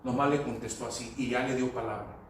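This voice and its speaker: Here the preacher talks fast with a mid-range, fairly even delivery, mixing storytelling with bits of English. A slight hiss or hum runs under the echoey hall sound, and his voice comes from a distance.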